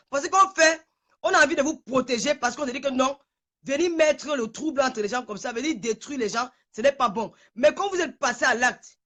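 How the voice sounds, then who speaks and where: A woman's voice: high-pitched, fairly bright tone. A woman on a live stream, trembling with anger, who hurls insults, repeats herself and stammers when worked up. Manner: furious, insulting, repetitive. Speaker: livestreamer. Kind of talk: angry livestream rant. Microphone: phone on a live stream.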